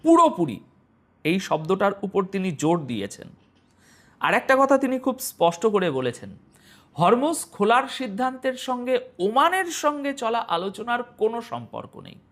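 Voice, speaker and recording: Animated male news commentator. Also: sits high, normal speed. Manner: animated, rhetorical questions to the audience. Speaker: news presenter. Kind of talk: news commentary addressing viewers.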